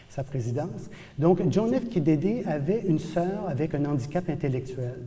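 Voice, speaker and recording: Speaking in a large hall that lends his voice a long reverb, a professor from New Brunswick, Canada, delivers an animated lecture and repeats key words for emphasis. His pitch is fairly high, yet the sound stays mellow and soft-edged.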